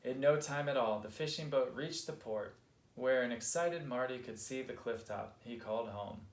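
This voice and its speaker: A man's voice: medium pitch, normal speed. Man reading a children's book aloud. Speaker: storybook reader. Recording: roomy echo.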